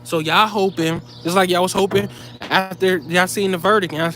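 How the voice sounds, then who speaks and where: A man's voice: high voice, fairly even intonation, normal speed, fairly bright tone, a little hiss or hum. A man delivering heated, profane commentary straight to his viewers, blunt and scolding.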